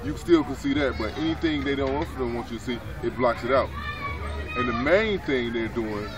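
A man's voice: mid-range voice, expressive, moderate pace. A man in his forties, a minister, answering questions in a street interview in a city park, explaining earnestly and leaning on "so therefore". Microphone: camera mic at a few feet. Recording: distant outdoor mic, crowd noise behind.

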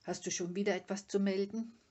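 A woman's voice: mid-range voice, fairly even intonation, fairly quick, warm tone, muffled recording, natural voice. A woman voicing a fussy, proud troll father who is easily offended, talking in an indignant, lecturing way. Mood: dismissive. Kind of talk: storybook reading.

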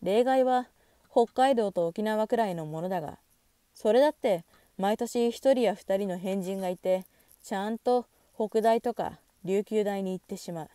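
A woman calmly reading a novel aloud in measured scripted narration, recorded close to the mic. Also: mid-range voice, no echo. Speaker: audiobook reader.

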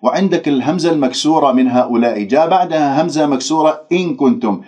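A male recitation teacher who corrects pronunciation, drawing out single syllables slowly and then explaining the rules briskly. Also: fairly high pitch, darkish tone. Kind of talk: pronunciation lesson. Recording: dull lo-fi recording.

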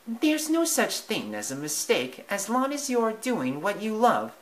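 A storybook reader voicing a fond mother mouse in a very high voice. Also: huge pitch swings, a little slow, rough recording. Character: warm motherly female mouse.

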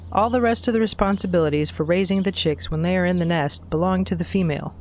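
Man, somewhat high voice, nature documentary narrator, measured and factual, noisy ambient background.

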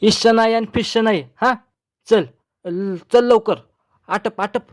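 A man's voice: high voice, pitched above the performer's own voice. A man voicing a foolish, boastful village son-in-law in a comic storybook reading. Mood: smug. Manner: naive and boastful, chattering in quick bursts.

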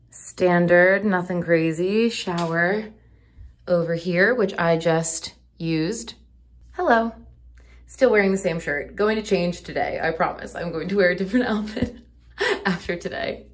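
A young woman in her twenties vlogging casually from a small hotel room, talking into a phone held at arm's length, upbeat and chatty with lots of "like". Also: fairly low pitch. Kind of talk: casual travel vlog.

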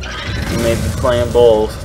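A man casually commentating his own card game, teasing his opponent and slipping into mocking squeaky voices. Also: monotone, takes it slowly. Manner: playful trash talk at opponent, swings into squeaky mocking voices. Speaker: gameplay streamer. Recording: game music behind voice.

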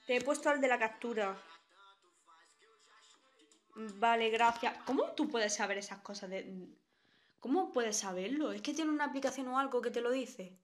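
A woman's voice: on the high side, normal speed, long pauses, faint music behind. A young woman from Spain with a Spanish accent, chatting bluntly with viewers on a live stream and reading out their comments. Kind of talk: casual live-stream chat.

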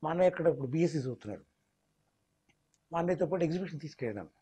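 A man's voice: fairly high pitch, animated, very fast, dark tone, husky. A mimicry artist, explaining his craft in an interview and slipping into demonstration voices. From Telangana, India.

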